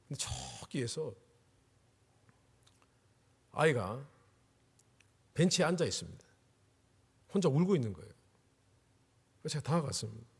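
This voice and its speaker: Emotional pastor with a husky voice. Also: male voice, mid-range voice, big pitch swings, moderate pace, long pauses. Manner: emotional storytelling, rising to pleading cries. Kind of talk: revival sermon. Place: church sanctuary. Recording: echoey church hall.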